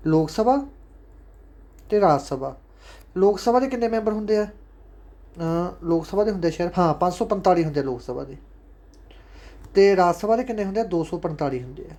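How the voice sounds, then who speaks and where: His voice sits high with a darkish tone, and he speaks with a Punjabi accent. In this relaxed online exam-prep lecture he comes across as chatty and fatherly, repeating the main points often and calling the students "sons."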